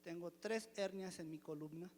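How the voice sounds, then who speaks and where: A man's voice: high-pitched, moderate pace, a little mellow, long reverb tail, a little hiss or hum. A man, from the church's pastoral team, giving an emphatic testimony sermon. He keeps returning to one refrain and asks his listeners rhetorical questions. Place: church hall.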